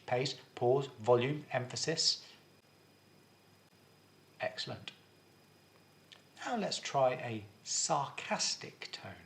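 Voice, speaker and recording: A male drama teacher explains vocal technique in a clear, instructive way. He leads his students step by step through warm-ups and exercises, at a medium pitch. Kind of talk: video lesson.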